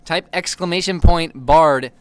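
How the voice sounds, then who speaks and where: A young esports caster gives casual play-by-play of a video game tournament, joking playfully and hyping up the chat. His voice is a little high, unhurried, clear and resonant, with no room sound and only faint background noise.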